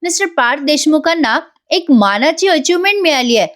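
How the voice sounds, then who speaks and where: Brief: bold young wife, sharp comebacks, raised pitch, voiced by a woman. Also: lively intonation, a little fast. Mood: assertive. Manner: assertive, retorting. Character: confident young wife facing reporters, sharp-tongued.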